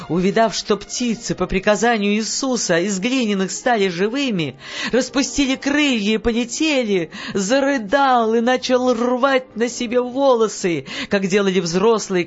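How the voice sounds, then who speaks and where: A woman narrates a story in a measured audiobook reading, her phrases sinking at the ends. Her voice sits in a middle range. Faint music plays under a slightly dull, lo-fi recording. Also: medium pitch.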